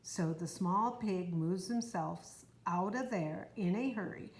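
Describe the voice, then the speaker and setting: A woman reading a children's picture book aloud in a slow, even, clear storytelling manner. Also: fairly low pitch. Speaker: storybook reader. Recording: roomy echo, faint noise.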